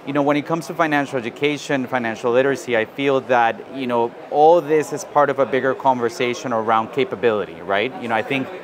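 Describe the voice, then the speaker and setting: A man from South America giving measured interview answers, often adding "you know" and "right?". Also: medium pitch. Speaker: interviewee, financial inclusion advisor. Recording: outdoor recording with street noise.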